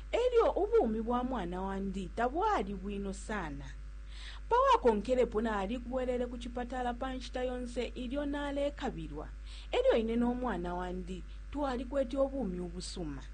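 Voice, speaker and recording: Woman acting a caring, animated experienced mother. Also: mid-range voice, slightly rough. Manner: reassuring, persuasive. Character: caring experienced mother advising a younger new mother. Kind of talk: acted health radio spot dialogue. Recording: humming, slightly noisy recording.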